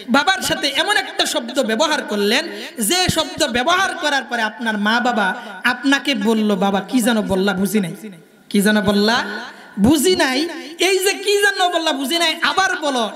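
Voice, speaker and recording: A man's voice: extremely high pitch, pushed and bright. A man preaching an impassioned sermon and firing rhetorical questions at the crowd. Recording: long public-address reverb, faint music.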